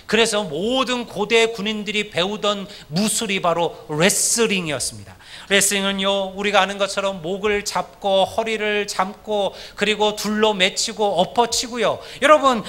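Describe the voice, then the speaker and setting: A man's voice: sits high, moderate pace, few pauses, bright, forceful tone. A male pastor preaching a Sunday sermon, earnestly addressing the congregation again and again.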